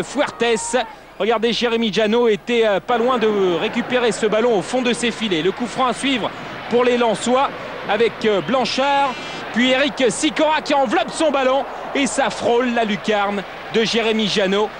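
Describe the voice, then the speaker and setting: A man giving excited football commentary in a dramatic, emphatic raised voice. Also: very high-pitched. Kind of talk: excited sports commentary over match highlights. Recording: loud stadium crowd noise behind voice. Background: football stadium crowd.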